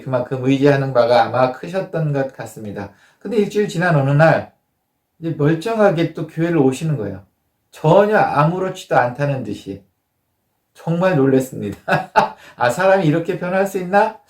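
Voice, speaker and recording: A male pastor delivers a storytelling sermon in a fairly high voice. He slips into quoted prayers and dialogue as he goes. The sound is roomy, with echo around him. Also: a little mellow. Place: church.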